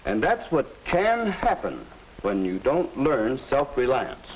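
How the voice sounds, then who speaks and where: A man plays a kindly, middle-aged schoolteacher in a 1950s educational film, advising a student in the measured, didactic manner of that era's narrators. His mid-range voice swoops wildly in pitch, and his mood is instructive. The audio is poor, a hissy old 1950s film soundtrack.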